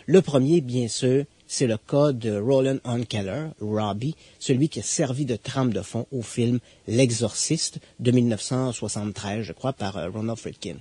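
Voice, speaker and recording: A man, recounting an exorcism case in a conversational storytelling style, building suspense with emphatic pauses. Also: medium pitch, warm tone, breathy edge, dry recording. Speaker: guest expert.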